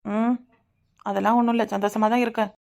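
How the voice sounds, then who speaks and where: A woman voicing a sulky, sharp-tongued young village wife in a cartoon, with a Kanyakumari Tamil accent. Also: a little high, flat delivery, fast, creaky. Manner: sulky, retorting.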